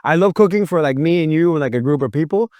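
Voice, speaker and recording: Man, shop owner, relaxed chatty talk, smooth clear voice, dry sound. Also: a little high, quick pace, dry recording. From Miami. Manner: relaxed and talkative, with frequent fillers. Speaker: food boutique owner. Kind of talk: casual interview chat.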